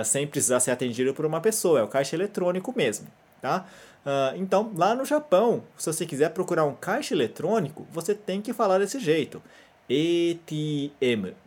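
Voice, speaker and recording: A woman's voice: low voice, animated, normal speed, a little mellow, husky. A Brazilian woman teaching a Japanese lesson, patient and encouraging, who keeps checking in with "né?" and leads repeat-after-me drills. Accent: Brazilian Portuguese.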